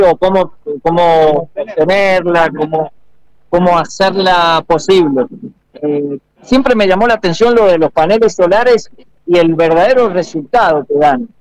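A male radio reporter with a high voice, asking curious questions with some hesitation. He is interviewing at an education fair. The recording is dry and close. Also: dry recording, rough recording. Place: large indoor exhibition hall.

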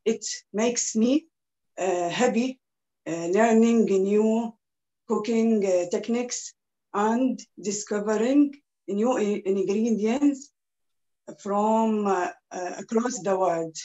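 An Iraqi woman in her thirties, whose first language is Arabic, introduces herself on a laptop video call while teaching a cookalong from her small indoor kitchen. Her English is slow and halting, full of pauses, in a medium-pitched, dark-toned voice, and the audio has its highs cut off.

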